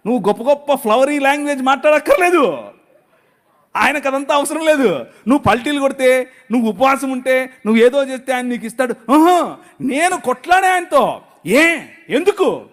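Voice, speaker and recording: A man's voice: very high-pitched, expressive, moderate pace. A middle-aged male pastor preaching an emotional, dramatic sermon full of rhetorical questions. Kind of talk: impassioned sermon.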